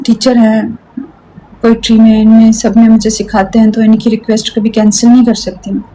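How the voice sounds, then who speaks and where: Earnest young woman with a soft dark voice. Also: fairly high pitch, flat delivery, fairly quick, slight background noise, low-quality recording. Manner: earnest, pleading, repeats herself. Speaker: TikTok live streamer. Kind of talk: emotional live-stream chat.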